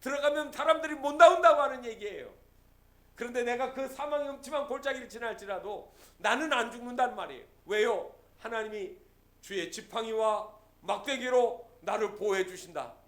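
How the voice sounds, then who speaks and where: A man's voice: very high voice, normal speed, a bit bright. A man preaching a Sunday sermon as pastor, quoting scripture and urging the congregation with rising emphasis. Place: church sanctuary.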